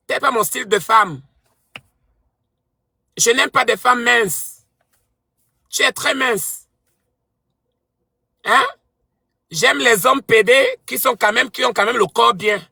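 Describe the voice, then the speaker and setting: A man's voice: very high voice, creaky, bright, forceful tone, breathy edge, no echo, studio quality. A man hosting a live stream, taunting and mocking a rival in a heated argument.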